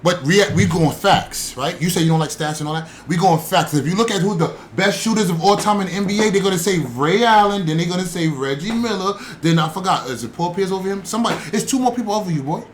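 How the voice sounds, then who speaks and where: Assertive young man, higher voice. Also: quick pace, hardly any pauses, a little hiss or hum. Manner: assertive, argumentative, emphatic. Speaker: podcast co-host. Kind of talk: casual debate chat.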